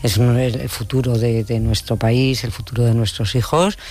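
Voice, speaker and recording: A man from Madrid chats enthusiastically on a radio talk show. His voice stays flat and even while he rambles from point to point. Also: mid-range voice, normal speed. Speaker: commentator.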